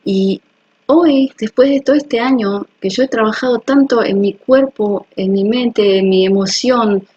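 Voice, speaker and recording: Husky woman talking earnestly to viewers. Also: fairly high pitch, unhurried, a little mellow, highs cut off. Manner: earnest, personal, repeats "¿ok?" to check viewers follow. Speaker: health video host. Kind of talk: casual explanatory talk to viewers.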